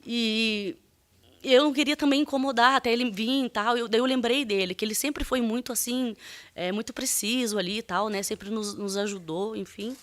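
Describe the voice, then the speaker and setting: A woman testifying as a defendant in court, speaking in a halting, earnest way with many fillers and restarts. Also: a little high, steady tone, fairly bright tone.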